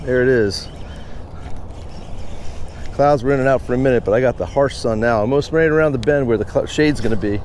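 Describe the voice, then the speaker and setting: He's an American man in his thirties or forties, fishing by a pond and chatting to his viewers, whom he calls "guys." His medium-pitched, slightly mellow voice moves fairly quickly but leaves long pauses, with slight background noise.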